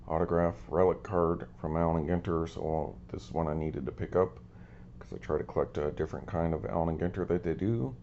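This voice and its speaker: With a deep, warm voice and vocal fry, a card collecting channel host gives an easygoing show-and-tell of his cards, rambling and full of ums. His voice is a little scratchy today, and the audio's highs are cut off.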